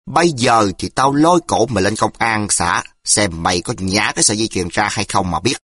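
Guy doing brutal tough dude snarling threats, husky, dry sound. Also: on the low side, animated, fairly quick, a bit bright, no echo. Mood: menacing.

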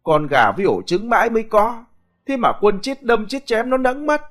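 Guy putting on a screechy angry village wife, shrieking curses, voice jumping way up high. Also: lively intonation, normal speed, soft background music, lightly acted. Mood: screeching abuse. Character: shrill foul-mouthed village wife, furious.

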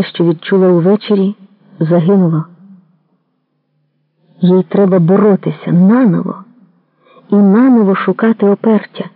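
A narrator reading a literary novel aloud in a measured, even storytelling manner. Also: medium pitch, dry recording, phone-quality sound. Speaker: audiobook narrator.

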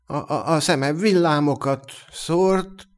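A man's voice: a little high, close to an everyday voice. A man voicing a naive young male elf in a fantasy audiobook, stammering and hesitant in his questions. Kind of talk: audiobook character reading.

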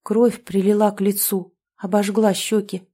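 A woman reading a first-person gothic story aloud in a hushed, somber manner. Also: medium pitch, level tone, unhurried, breathy edge. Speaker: audiobook reader.

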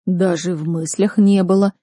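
A woman's voice: on the low side, steady tone, moderate pace, warm tone, slightly rough, no echo, clean studio sound. A woman reading an audiobook, voicing a cheeky young male air mage who teases. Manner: teasing, flustered.

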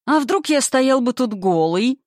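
A woman's voice: high-pitched, lively intonation, measured pace, a little mellow, no echo, pitched above the performer's own voice. Woman voices a teasing youthful shadow creature, audiobook, dry. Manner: teasing, playful. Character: mocking young male shapeshifting darkness creature.

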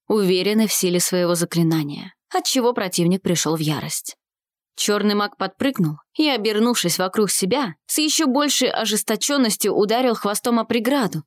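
A woman reading a fantasy audiobook with steady, expressive narration. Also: medium pitch, no echo, studio quality.

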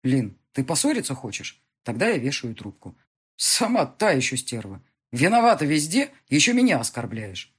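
A woman's voice: very deep voice, sing-song, moderate pace, husky, exaggerated voice. A woman reading an audiobook and voicing a cold, irritated husband on the phone, curt and dismissive, breaking into anger. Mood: angry. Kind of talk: audiobook character voice.

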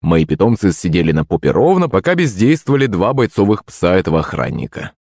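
A man reads a first-person audiobook in a fairly low voice. His intonation rises and falls widely, and he acts out the characters' lines. The recording is dry and close, with no room sound. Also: big pitch swings, brisk, creaky, a little mellow, no echo. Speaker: audiobook narrator.

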